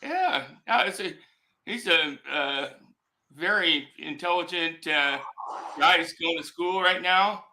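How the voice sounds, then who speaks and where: A man's voice: fairly high pitch, lively intonation, slow pace, pushed and bright. A man joining a livestream as a guest, talking hesitantly with many fillers. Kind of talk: casual livestream chat.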